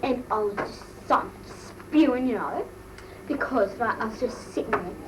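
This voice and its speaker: A woman's voice: on the high side, lively intonation, normal speed, natural voice. A woman doing an amateur comic impression of a bratty, gossipy Australian teenage schoolgirl "mole", telling embarrassed, slangy stories in a breathless drawl. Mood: mortified gossiping. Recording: noisy amateur recording, distant mic.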